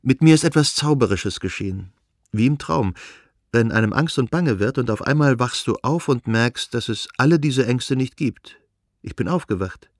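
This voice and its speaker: A man's voice: mid-range voice, lively intonation, normal speed, no room sound, studio quality, pitched above the performer's own voice. A male reader voicing Anna, a young noblewoman who talks eagerly and tenderly about her own happiness, in an audiobook reading. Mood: confiding.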